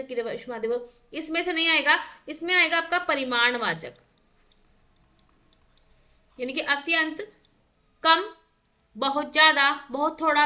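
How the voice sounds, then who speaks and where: Bright, high-voiced woman teacher quizzing. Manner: quizzing, reads out options then asks for the answer; corrects herself aloud, thinking through answers. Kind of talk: exam practice lesson.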